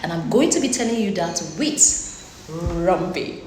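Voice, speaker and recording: A woman's voice: lowish voice, animated, unhurried, a little mellow. Young woman nurse, playful presenter, long echo of a big room. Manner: chatty, teasing presenter. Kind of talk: casual health explainer. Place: lecture room. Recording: echoey lecture hall with faint noise.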